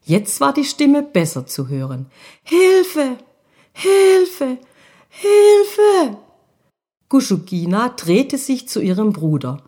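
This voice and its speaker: A woman reading a children's story aloud in a slow, expressive way. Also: on the low side.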